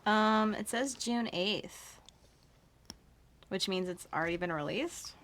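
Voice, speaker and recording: Female guest, slow and bright, self-mocking gamer chat. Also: medium pitch. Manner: reading out search results, self-mocking. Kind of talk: casual gaming chat.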